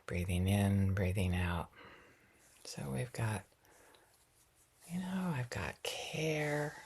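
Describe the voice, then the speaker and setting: A woman teaching a loving-kindness meditation in a soft, often half-whispered, gentle and reflective way, with light laughs at herself. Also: very deep voice, creaky, husky.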